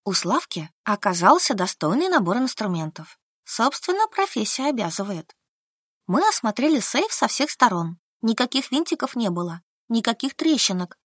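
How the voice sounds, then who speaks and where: A woman narrating an audiobook in first person, with lively storytelling. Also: a little high, moderate pace, no echo. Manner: lively storytelling with acted dialogue. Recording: dry close recording.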